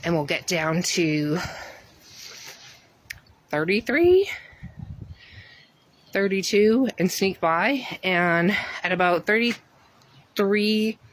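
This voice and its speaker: A woman talking in a rambling, chatty way on a casual garden tour, filming herself outdoors with a phone while out of breath. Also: fairly low pitch. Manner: rambling, many ums, chatty. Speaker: gardening vlogger.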